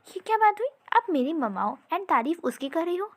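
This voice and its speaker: Brief: woman playing a talkative, rule-breaking young prince, high, eager, playful. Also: lively intonation, normal speed. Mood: indignant.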